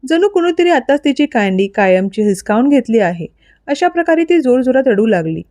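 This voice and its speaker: A woman narrates a dramatic story with expressive storytelling. Her voice is fairly high and warm. The sound is close and dry. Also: moderate pace, dry recording. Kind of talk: scripted narration of an audio story.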